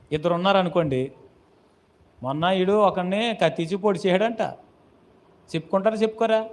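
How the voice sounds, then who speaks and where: A man preaching with a high-pitched voice. He calls out questions for the congregation to answer and surges into loud, emphatic exhortation. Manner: call-and-response preaching, rising to loud exhortation. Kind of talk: sermon.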